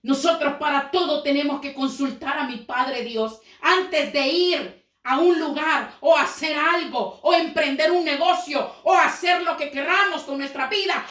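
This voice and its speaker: A woman preacher telling a parable as a sermon, slowing down for dramatic moments and acting out the quotes. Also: high-pitched, fairly bright tone, echoey room. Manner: storytelling with dramatic slowdowns and acted quotes.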